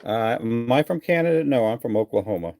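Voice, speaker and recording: A middle-aged Texan man chats casually on a fishing livestream, answering viewer comments in a relaxed, rambling style with plenty of fillers. His mid-range voice is a little mellow and a little fast, with lively intonation. Soft music plays in the background.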